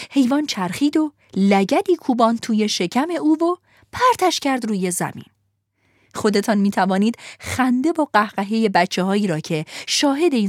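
A woman narrating a storybook in an expressive, vivid manner. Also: mid-range voice, no echo, clean studio sound.

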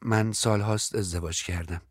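A man's voice: fairly low pitch, fairly even intonation, husky, dry recording, studio quality. A man doing a shy young wife. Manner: hesitant, apologetic. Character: shy young married woman, polite and easily embarrassed.

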